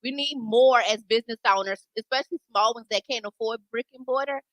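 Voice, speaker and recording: A woman's voice: a little high, brisk, fairly bright tone, no echo, low-quality recording. A woman hosting a radio show, talking in a casual, conversational interview style.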